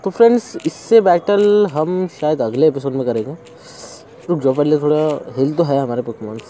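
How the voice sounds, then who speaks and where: A young gaming host casually comments on his let's-play, chatting and thinking aloud as he plays. His voice is a little high and darkish in tone at a normal speed, with slight background noise.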